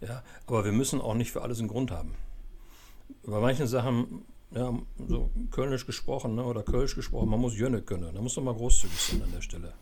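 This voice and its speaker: A man giving calm, explanatory advice in a casual chat, often ending points with tag questions. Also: mid-range voice, brisk, slightly rough.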